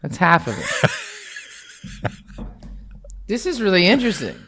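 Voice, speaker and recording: A woman co-hosting a podcast in casual chat, lively and quick with swearing quips. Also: mid-range voice, noisy background. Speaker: podcast co-host.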